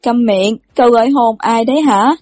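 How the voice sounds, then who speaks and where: Audiobook: woman reading a stern older brother, gruff and clipped, scolding. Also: a little high, normal speed, a little mellow, no echo, studio quality, close to an everyday voice. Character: stern, irritable older brother, young man.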